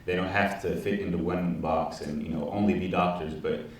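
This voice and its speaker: A man's voice: low voice, steady tone, normal speed. A man in his twenties on a discussion panel, speaking earnestly and reflectively on a handheld mic in a large auditorium. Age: 20s. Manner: earnest, reflective, repeats words while thinking. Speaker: panelist, teaching artist. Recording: echoey hall, from far off.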